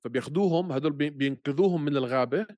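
A man with a Levantine Arabic accent talks quickly in a dry, close sound. He co-hosts a casual podcast, telling stories in an animated way and mixing English words into his speech. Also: a little high, no room sound, highs cut off. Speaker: podcast co-host.

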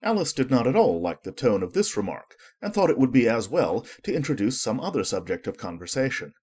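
A man's voice: medium pitch, big pitch swings, fairly quick, darkish tone, breathy edge. A man narrating a storybook as a scripted audiobook, telling it expressively.

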